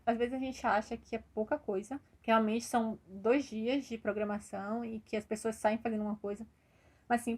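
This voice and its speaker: A woman's voice: on the high side, a little mellow. A woman giving a casual, hesitant personal testimonial about organizing coding events, with an encouraging tone. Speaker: computer science student or graduate.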